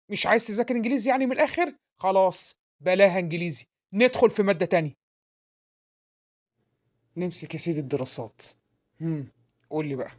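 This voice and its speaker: A woman's voice: mid-range voice, lightly acted. A woman playing a blustering know-it-all dad. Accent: Egyptian Arabic. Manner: insulting, pompous, mangles English words. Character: blustering know-it-all father tutoring his son. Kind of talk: comedy sketch acting.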